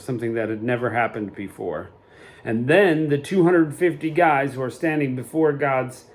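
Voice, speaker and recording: A man's voice: medium pitch, darkish tone. Man, casual Bible-study host, folksy and conversational, mid-range voice. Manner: folksy, conversational, with many fillers and exclamations. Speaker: Bible teacher. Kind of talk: casual Bible study summary and scripture reading.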